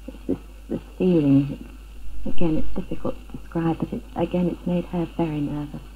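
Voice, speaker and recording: In a noisy recording with tinny, phone-like 1970s film audio, a middle-aged burglary victim is interviewed in her living room at home. Her deep voice holds a steady tone at a normal speed as she recounts what happened to her.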